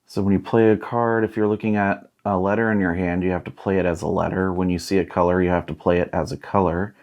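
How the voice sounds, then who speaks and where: Through a muffled recording, a deep, slightly mellow male voice in its thirties talks quickly and levelly while unboxing a board game. He thinks aloud casually and reads from items in front of him at times.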